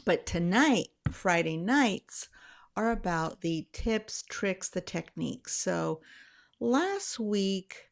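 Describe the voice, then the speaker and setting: A woman's voice: mid-range voice, very animated, slow pace, gravelly. A middle-aged woman hosting a channel, explaining tips in a casual, conversational way, rambling a little and correcting herself as she goes. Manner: rambling, self-correcting, chatty. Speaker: channel host sharing anxiety tips.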